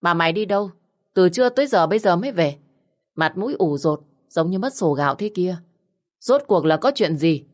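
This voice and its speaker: A woman's voice: on the low side, expressive, fairly quick, lightly acted. A woman voicing a stern, bossy but caring older relative who scolds and insists. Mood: scolding.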